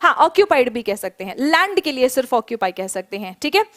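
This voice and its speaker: A young woman teaching an online spoken English class, explaining in Hindi and drilling English phrases slowly for students to repeat. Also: sits high, sing-song, fairly bright tone.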